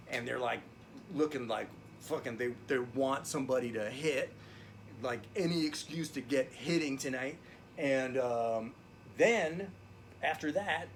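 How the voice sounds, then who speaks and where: A man's voice: mid-range voice, slight background noise, close to an everyday voice. A man playing a down-on-his-luck drum teacher who rambles through a digressive, profane story during a remote lesson. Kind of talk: comedic character monologue. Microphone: video call lesson.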